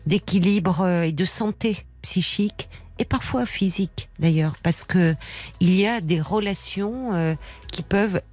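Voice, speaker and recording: Woman, radio host, lowish voice, dry close studio sound, gentle and soothing, late-night call-in. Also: measured pace, no room sound. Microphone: studio microphone.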